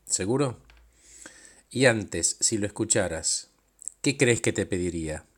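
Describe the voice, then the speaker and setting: Man, coach, guided narration, calm, reflective, questioning. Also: on the low side, measured pace, breathy edge.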